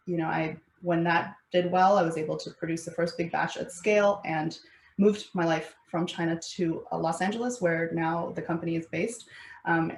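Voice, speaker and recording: A woman founder speaking in a level, low-set voice that barely rises or falls. She talks in measured phrases with frequent pauses and fillers. Her voice carries a roomy echo. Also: gravelly, a little mellow. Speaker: food company founder. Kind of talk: panel interview answer. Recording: echoey room.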